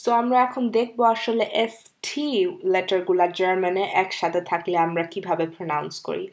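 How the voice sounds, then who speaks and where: A woman's voice: lowish voice, steady tone, gravelly. Woman patiently teaching beginner German. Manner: slow, repeats example words one by one, with fillers. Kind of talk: beginner language lesson.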